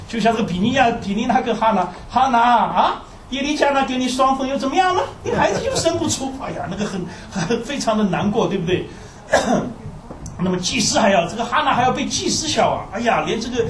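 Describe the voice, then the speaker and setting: A man's voice: sits high, a little hiss or hum. A man preaching a sermon, full of rhetorical questions and sighing exclamations. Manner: animated, rhetorical questions with frequent sighing interjections. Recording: roomy hall recorded from a distance.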